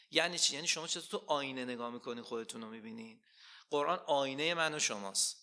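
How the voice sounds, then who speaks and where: A man preaching a sermon, asking rhetorical questions and slowly quoting scripture with rising emphasis. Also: mid-range voice, creaky, bright, forceful tone.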